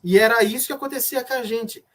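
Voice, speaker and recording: A man's voice: extremely high pitch, fairly even intonation, quick pace, fairly bright tone. A man with a Brazilian Portuguese accent, a former church member telling his story in an interview, earnest and reflective, often restarting his sentences. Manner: earnest, reflective, retelling memories with many restarts. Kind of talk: personal testimony in an interview.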